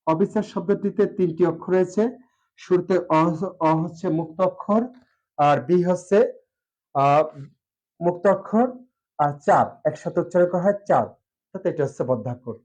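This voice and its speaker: A male teacher with a Bangladeshi Bengali accent gives a classroom lecture on pronunciation, slow and deliberate, drawing out example words and pausing with "ah" fillers. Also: sits high, a little mellow, poor audio.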